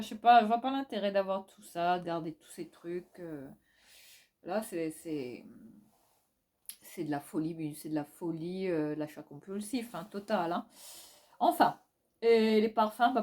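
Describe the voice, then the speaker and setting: A woman with a Réunionese accent, casually answering viewer questions in a vlog, frank and teasing, laughing often as she talks. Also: mid-range voice. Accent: Réunionese French.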